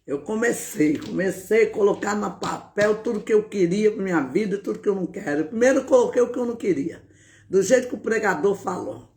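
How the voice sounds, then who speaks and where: A woman preacher giving a fervent testimony, often breaking in with words of praise and now and then shouting out. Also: medium pitch, animated, a little fast. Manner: bursts into shouted exclamations. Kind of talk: fervent spoken testimony on a live stream.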